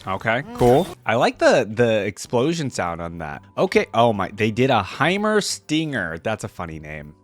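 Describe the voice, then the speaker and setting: A young man with a lowish voice and huge pitch swings talks at a moderate pace with few pauses. He's a reaction host giving casual running commentary, thinking aloud and erupting into exclamations against music and game audio.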